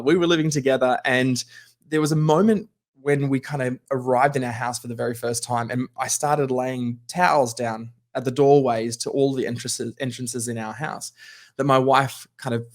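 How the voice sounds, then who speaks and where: An Australian man from Queensland giving a conversational keynote talk over a video call, telling personal anecdotes in an easy, anecdotal way. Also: medium pitch. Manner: conversational, anecdotal, with light laughs. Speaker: keynote speaker. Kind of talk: storytelling talk.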